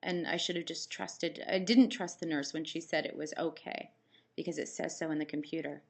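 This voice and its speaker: Give the voice of a woman with a slightly low pitch, talking casually as a vlogger. Her mouth is dry as she recovers from surgery. She rambles through anecdotes and recounts exchanges in a conversational way. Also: steady tone, normal speed, creaky, a little mellow. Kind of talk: casual chat to camera, personal storytelling.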